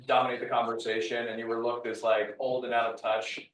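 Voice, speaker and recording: A man of middle pitch explains his points in a measured, lecturing way as a guest speaker. He sits back from the microphone in a roomy, echoing space. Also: completely flat delivery, slight background noise. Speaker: guest speaker, media scholar. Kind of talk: lecture-style talk. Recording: echoey room, distant mic.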